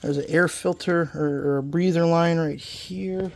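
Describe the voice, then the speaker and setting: The voice is mid-range, steady, unhurried, and creaky. It belongs to a repair channel host who, stuffed up from a lingering cold, casually talks through a hands-on mower engine repair in a workshop, rambling and correcting themselves with lots of fillers.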